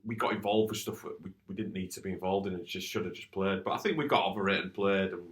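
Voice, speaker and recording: A man's voice: low-pitched, fast talker. A man, co-hosting a casual futsal club podcast, talking plainly with many restarts about refereeing frustrations. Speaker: futsal coach and podcast co-host.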